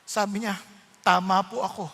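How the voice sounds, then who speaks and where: Lively high-voiced man preaching in a hall. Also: moderate pace, vocal fry. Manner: animated, acts out dialogue, laughs often. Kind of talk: sermon with personal storytelling. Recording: long hall reverb.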